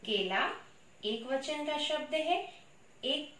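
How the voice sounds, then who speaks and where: A woman's voice: high-pitched, expressive, fairly bright tone, slight background noise. A woman teaching a grammar lesson to young children, drilling words one by one for them to repeat back. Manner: slow, drawn-out call-and-repeat drilling of words.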